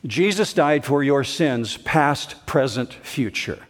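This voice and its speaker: A male pastor preaching a sermon in a slow, emphatic way, building in intensity. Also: mid-range voice, animated.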